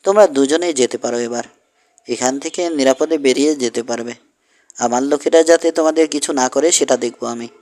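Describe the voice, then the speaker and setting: A calm outlaw boss in a storybook western, cool and mocking, as a male reader gives him voice, his threats delivered without raising his tone. The voice sits at an ordinary middle pitch. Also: a little fast, close to an everyday voice. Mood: dismissive.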